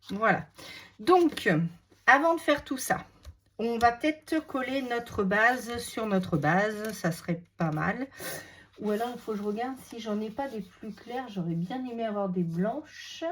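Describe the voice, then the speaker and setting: A woman with a French regional accent demonstrating a craft technique step by step, chatty and unhurried, thinking aloud with many fillers. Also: a little high, expressive, a bit bright, a little hiss or hum. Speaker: crafting tutorial host. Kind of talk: casual step-by-step crafting demo.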